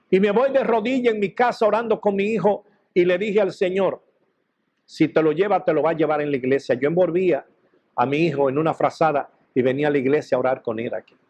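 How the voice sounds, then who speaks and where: A man's voice: fairly high pitch, a little mellow. A male pastor giving a fervent testimony sermon, telling his story with quoted dialogue.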